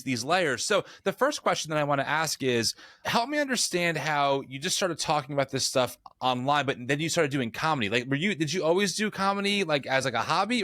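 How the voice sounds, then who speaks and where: Lively, upbeat male podcast host. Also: on the high side, no room sound. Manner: upbeat and affirming, rambling questions. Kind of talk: conversational interviewing.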